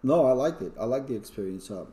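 Male podcast guest, easygoing and agreeable, warm tone, echoey room. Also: mid-range voice, lively intonation, fast talker. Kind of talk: casual chat.

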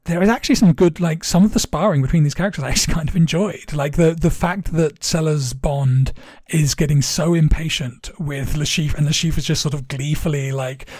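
A man's voice: fairly high pitch, fairly quick, darkish tone, no echo. Chatty man with a close, dry sound. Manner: chatty, laughs often, many fillers and restarts. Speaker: podcast co-host. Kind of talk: casual film review chat.

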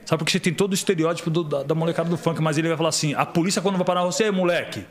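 Fast-talking middle-aged Brazilian man. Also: fairly high pitch, a little hiss or hum. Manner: animated storyteller, acts out quoted dialogue. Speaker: podcast guest. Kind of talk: casual podcast conversation.

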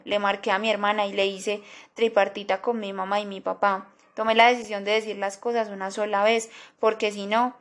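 A woman reads an audiobook in a somber, measured way. Her pitch stays flat and narrow throughout. The voice sits in an ordinary middle register. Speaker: audiobook narrator. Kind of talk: audiobook narration.

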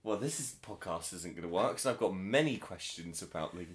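Male podcast co-host with a low, animated voice; teasing, argumentative, quick to laugh. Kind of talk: casual film podcast chat.

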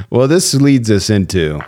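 A young man with a fairly low voice co-hosts a casual podcast. He reads listener reviews aloud in a relaxed way and often breaks into laughter as he goes. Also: slow, background noise. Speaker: podcast co-host.

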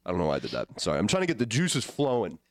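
A man hosting a podcast with playful, casual hype, his voice wheezy and hoarse from being sick. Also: on the low side, huge pitch swings, racing, slight background noise. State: sick, voice partly gone. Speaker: podcast host.

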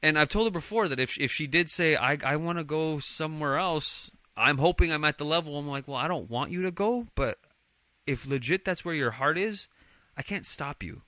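A man's voice: fairly high pitch, expressive, moderate pace, pushed and bright, dry recording. A man co-hosting a podcast, talking casually and rambling with restarts and swearing. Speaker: podcast co-host. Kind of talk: casual chat.

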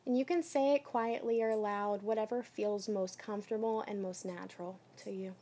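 Encouraging woman coach, gently directive. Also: mid-range voice, fairly even intonation, moderate pace, a little hiss or hum. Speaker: life coach. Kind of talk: guided coaching session.

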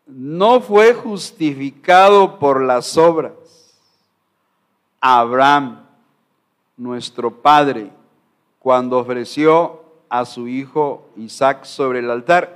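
A man's voice: on the high side, extremely slow, long pauses, clear, resonant tone. A male pastor preaching a sermon to his congregation, emphatic and full of rhetorical questions. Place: church sanctuary.

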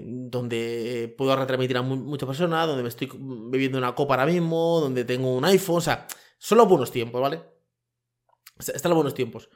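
A man, hosting a podcast as a colloquial, rambling opinion monologue into a microphone. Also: mid-range voice. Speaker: podcast host. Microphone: microphone with camera.

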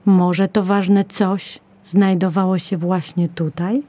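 A woman narrating a children's story in a gentle, measured way. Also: lowish voice, level tone, dry recording.

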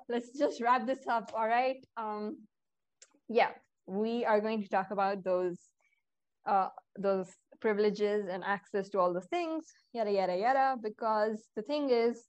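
A young woman hosts a relaxed podcast. She rambles in a friendly, chatty way and speaks directly to her listeners. She often stops to fix her own words mid-sentence. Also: medium pitch. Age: young adult. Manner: chatty, addresses listeners directly, self-correcting. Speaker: podcast host. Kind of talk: casual podcast chat.

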